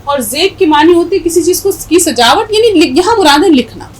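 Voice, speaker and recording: High-voiced woman teaching Urdu patiently. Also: expressive, low-quality recording. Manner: patient, spells out letters slowly and repeats words. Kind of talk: language lesson, explaining a poem and spelling.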